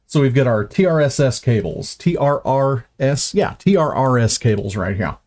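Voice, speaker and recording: A man's voice: medium pitch, lively intonation, normal speed, darkish tone. A man unboxing gear on a live stream, chatty and self-mocking, stumbling over words and starting lines again.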